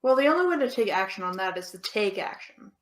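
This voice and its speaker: A young adult woman with a medium-pitched voice talks fast, lightly acting the part of Eve, a sardonic young American woman. Her delivery is dry and deadpan, teasing and intimate in mood, as in audio drama dialogue.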